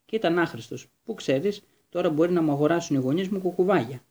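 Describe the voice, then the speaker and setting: Brief: man doing a blustering teen wizard boy, raised and eager, mellow timbre. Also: a little high, pitched above the performer's own voice, close to an everyday voice. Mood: relieved. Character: loyal gangly schoolboy wizard, eager and blustering.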